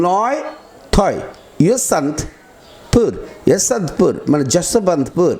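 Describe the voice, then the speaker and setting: Slightly high and darkish in tone, this man's voice guides students through pronunciation. He talks to them head-on, spelling out words letter by letter and repeating each one slowly.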